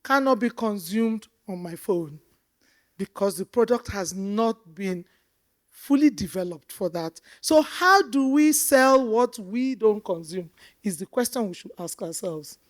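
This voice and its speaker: A woman's voice: medium pitch, expressive, unhurried. A woman speaking emphatically in a panel discussion, repeating phrases for stress.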